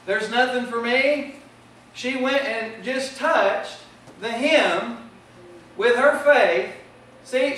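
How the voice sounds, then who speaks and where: A man's voice: very high-pitched, a bit bright, very echoey, distant mic, rough recording. A man preaching a sermon with impassioned delivery that rises and falls in volume. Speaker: pastor. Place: church sanctuary.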